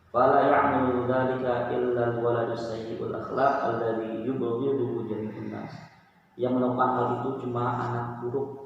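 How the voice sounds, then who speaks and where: Man, religious teacher, gravelly voice, emphatic and repetitive, reads Arabic then explains, distant mic in a roomy hall. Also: medium pitch, muffled recording. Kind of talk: recorded online lesson, reading Arabic text then explaining. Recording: echoey hall, distant mic, faint noise.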